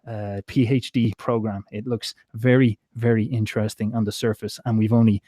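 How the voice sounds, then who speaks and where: A man's voice: lowish voice, flat delivery, moderate pace, mellow, no echo, studio quality. A man hosting an interview, musing aloud in a rambling way with many fillers. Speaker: interview host. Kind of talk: casual interview talk.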